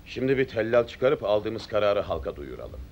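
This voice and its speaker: Stern army captain, animated delivery. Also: male voice, on the low side, slight background noise. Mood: stern, authoritative. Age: middle-aged. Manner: oratorical, measured, authoritative, in short emphatic sentences. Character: stern, resolute nationalist army captain addressing townsmen. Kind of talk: period film drama acting.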